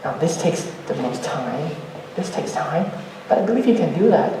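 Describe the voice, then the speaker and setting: A man's voice: fairly high pitch, lively intonation, normal speed, background noise. A man giving an earnest motivational talk on stage, asking the audience rhetorical questions. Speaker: speaker at a youth ideas meetup. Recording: echoey hall, voice from far off.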